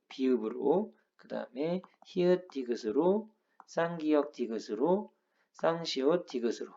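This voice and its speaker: A man's voice: on the high side, gravelly, mellow, muffled recording. A man teaching a grammar lesson, explaining rules patiently step by step and checking in with his students. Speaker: Korean language teacher.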